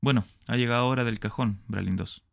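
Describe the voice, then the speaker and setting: Man doing a calm, placating gentleman. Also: medium pitch, fairly quick, vocal fry, close to an everyday voice. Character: a calm middle-aged man longing for a holiday.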